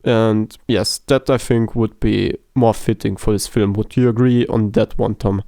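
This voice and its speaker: A man's voice: on the low side, fairly even intonation, measured pace, vocal fry, warm tone, dry recording, clean studio sound. A man co-hosting a podcast, chatting casually about a film in a hesitant, joking way with many fillers, a native German speaker. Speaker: podcast co-host.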